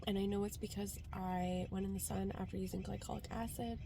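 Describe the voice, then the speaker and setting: A Canadian woman with a congested, stuffed-up voice from a cold talks while sitting inside her car, vlogging in a casual, rambling way packed with "like." Her pitch is medium and her intonation fairly even, with a slightly fast pace, vocal fry, and background noise.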